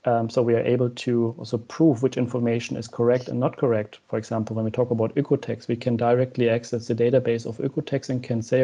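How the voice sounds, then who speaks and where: A young man guesting on a video call explains his company's platform step by step, pausing often on "um." His voice is gravelly and husky, with a dark, mellow tone. He speaks through an earphone mic from a room at home. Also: medium pitch. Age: young adult. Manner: explanatory, with frequent "um" fillers. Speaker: guest, co-founder of the company discussed. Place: room at home with shelves, indoors. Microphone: wired earphone headset mic.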